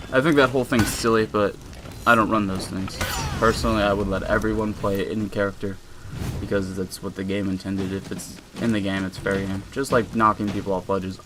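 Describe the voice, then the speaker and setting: A man's voice: lowish voice, noisy background. A young man rambling casually through a voice-over commentary on his own game footage, with lots of fillers and restarts. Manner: rambling and laid-back, with many fillers and restarts.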